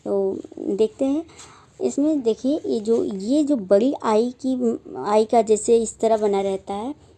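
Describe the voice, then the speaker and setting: Young female teacher with a fairly high, mellow voice, slow and repetitive, sounding out example words. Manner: slow, repetitive, says each example word aloud. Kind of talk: phonetics lesson explained in Hindi.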